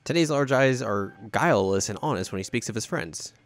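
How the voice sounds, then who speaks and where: A man hosting a game playthrough, reading the story text aloud in a plain, steady way. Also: mid-range voice, brisk, no room sound. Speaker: let's-play host.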